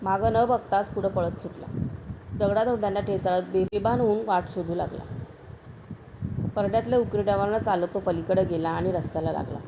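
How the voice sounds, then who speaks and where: A woman reading a story aloud as narrator, steady and measured. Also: medium pitch, noisy background. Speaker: story reader.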